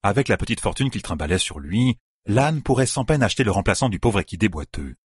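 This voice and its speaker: A man narrating a fantasy audiobook in a measured storytelling manner. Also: fairly low pitch, very animated, slightly rough, dry recording, clean studio sound. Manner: measured storytelling, quoting characters.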